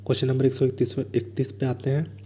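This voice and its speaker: Indian man, exam coach, dark mellow tone, monotone and unhurried delivery. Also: medium pitch. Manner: reads questions slowly, then explains in fast asides. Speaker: exam prep teacher. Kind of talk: explaining exam answers.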